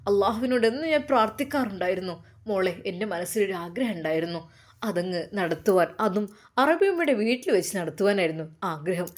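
A woman's voice: mid-range voice, lively intonation, fairly quick, natural voice. A woman voicing a kindly, motherly older woman who speaks tenderly and comforts a girl.

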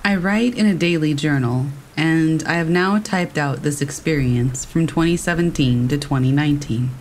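A narrator reading first-person horror stories aloud in a steady storytelling manner. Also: mid-range voice, moderate pace, slight background noise, rough recording.

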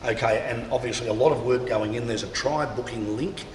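A man's voice: medium pitch, brisk. Guy hosting an interview on camera, talks right to the folks watching, big echoey church sound with faint noise. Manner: chatty, promotional, addresses viewers as folks. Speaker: interviewer and presenter. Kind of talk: upbeat on-camera presenting. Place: large cathedral interior. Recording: echoey cathedral with long reverb and faint background noise.

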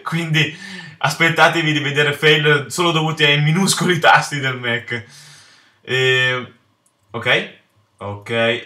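A teenage boy from Italy commentates his own playthrough, flaring into shouts and curses at every failure. His voice is bright and somewhat high for a man. The sound is roomy and echoey, picked up from a distance. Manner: easily enraged, swearing, shouting at the game. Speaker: gaming channel host. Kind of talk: let's play commentary. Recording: echoey room, mic off to the side.

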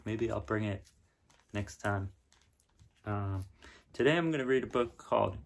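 Reading a storybook aloud to camera from a small room at home, a man in his thirties keeps things casual. His voice is lowish and creaky.

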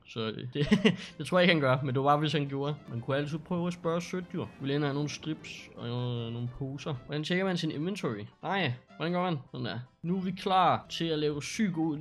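A young man casually commenting as he plays an online role-play game, joking and laughing at himself. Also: a little high. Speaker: streamer playing a role-play server.

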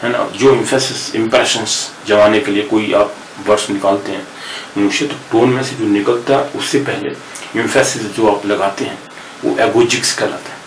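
A man's voice: on the low side, fairly even intonation, normal speed. An older man with an Indian English accent, a professor giving a lecture on word roots in a mix of Hindi and English. He explains patiently, repeating words and spelling them out. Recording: echoey room, distant mic, noisy.

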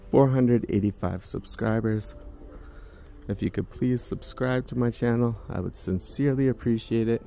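Filming a department store walking tour on a handheld phone, a vlogger chats casually and muses to himself inside the large indoor shop. His voice is lowish, creaky, and mellow.

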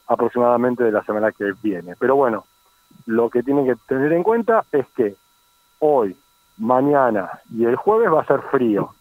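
Argentine guy doing the weather over the phone, middling pitch, chatty forecast. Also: dry recording. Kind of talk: conversational weather report. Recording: thin, phone-like radio call.

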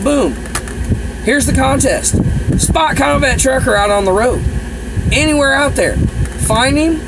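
A man's voice: very high-pitched, gravelly, noisy background. Man rambling in a truck cab. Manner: rambling, repeats himself, enthusiastic. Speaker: truck driver vlogger. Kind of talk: casual vlog chat to camera. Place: inside a truck cab at night. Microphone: phone or camera held close.

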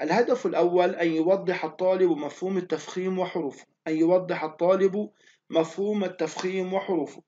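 A man's voice: sits high, dull audio. A male teacher giving a recorded online lesson, repeating each definition and drawing out letter sounds to drill pronunciation.

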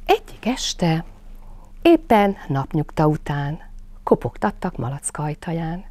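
A woman narrating a children's storybook slowly, dropping to a soft hush. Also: low-pitched, big pitch swings. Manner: slow, hushed, soothing narration.

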